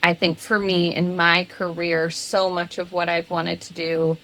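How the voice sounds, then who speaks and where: A woman in her thirties answering interview questions as a guest, animated and laughing now and then between phrases. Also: on the low side, a little slow. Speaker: guest, people and culture executive.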